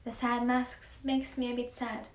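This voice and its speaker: A young Norwegian woman with a Norwegian accent, chatting softly on a livestream while she paints, often slipping into near-whispers. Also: on the high side, level tone, measured pace. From Norway. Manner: soft-spoken, often drifting into near-whispers. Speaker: musician live-streaming to fans. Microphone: phone. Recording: echoey room with faint background hiss.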